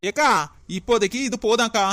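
A woman's voice: a little high, a little fast, no echo, close to an everyday voice. A woman voicing a friendly, chatty neighbour visiting for a family occasion in a cartoon, with a Kanyakumari Tamil accent.

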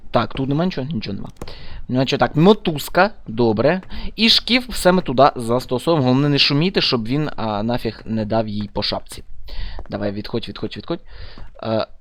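A man's voice: mid-range voice, fairly quick. A man giving casual let's-play commentary, chatty and muttering to himself, scolding the game characters as he plays.

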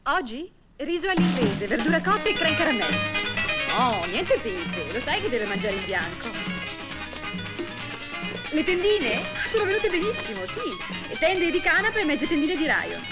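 An actress playing a gossipy young wife chattering on the phone to her mother in a 1960s film, quick to take offence. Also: high-pitched, sing-song. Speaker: housewife on the phone. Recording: 1960s film soundtrack with music behind.

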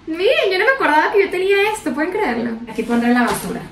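Her voice is very high, fast and very animated, with a slightly bright edge, as she laughs and chats her way through a vlog about moving in. She films on a phone at arm's length inside an empty, echoey apartment, with music running beneath her.

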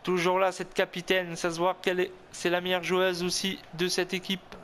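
Excitable high-voiced man gaming. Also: moderate pace, a little hiss or hum. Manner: tense, excitable, cheering himself on, repeating words. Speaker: gaming video host. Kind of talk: excited self-commentary of a football video game.

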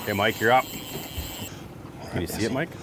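A man hosting a fishing show, teasing and joking in casual banter out on a boat. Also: on the low side. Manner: joking, teasing, quick laughs. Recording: boat and water noise behind.

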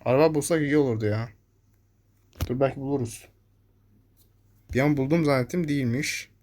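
A man's voice: mid-range voice, moderate pace, a little mellow. A young man giving live gameplay commentary, talking to his viewers and cursing at the enemies that chase him. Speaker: gameplay streamer.

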